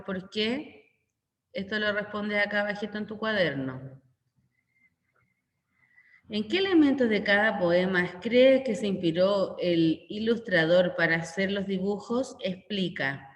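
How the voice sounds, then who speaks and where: A woman's voice: medium pitch, a bit bright. A Chilean woman teaching a primary school lesson, going through the worksheet and repeating each question in plainer words. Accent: Chilean Spanish. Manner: instructional, repeats questions and explains. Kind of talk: recorded class walkthrough. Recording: echoey room with long reverb.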